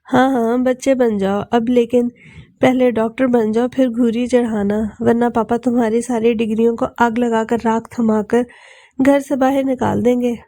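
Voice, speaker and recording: A woman's voice: a little high, flat delivery, moderate pace, mellow, no echo, natural voice. A woman voicing a playful young man who teases his brother mischievously. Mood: teasing. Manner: teasing, mischievous.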